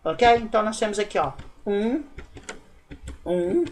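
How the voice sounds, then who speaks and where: A woman's voice: mid-range voice, expressive, measured pace, darkish tone, low-quality recording. A woman with a Brazilian Portuguese accent giving a casual online English grammar lesson, explaining step by step and checking in with viewers constantly. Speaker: English teacher.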